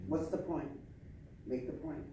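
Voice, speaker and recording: A man's voice: on the high side, steady tone, measured pace, mellow. A man working as a trainer, coaching live in a blunt, pressing manner and repeating his questions. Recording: echoey room, far from mic, faint noise.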